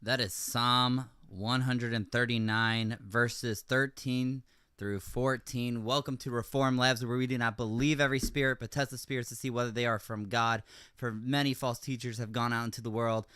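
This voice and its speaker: A man's voice: medium pitch, fairly even intonation, moderate pace, sharp tone, clear, resonant tone, no room sound, clean studio sound. A man hosting a casual talk show from home, chatting loosely with many fillers and frequent laughs. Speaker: host. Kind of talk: casual chat. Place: room at home with window open.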